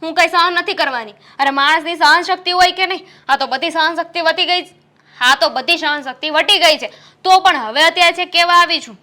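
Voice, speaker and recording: A fed-up young wife, high and fast. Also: female voice, bright, forceful tone. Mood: angry, fed up. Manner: heated, rapid complaining. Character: young wife fed up with her mother-in-law. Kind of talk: Gujarati short film acting.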